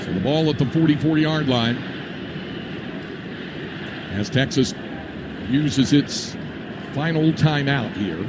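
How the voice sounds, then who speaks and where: A man's voice: mid-range voice, animated, takes it slowly, pauses often. A man doing live radio play-by-play of a football game in clipped, classic ballgame announcer phrases. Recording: very noisy live outdoor stadium broadcast.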